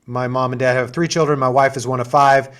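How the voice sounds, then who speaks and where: In a fairly quick, steady delivery, a middle-aged man with a mid-range, somewhat bright voice walks through programs as assistant dean. The info session happens on a video call, and his style is chatty and enthusiastic, packed with fillers and asides.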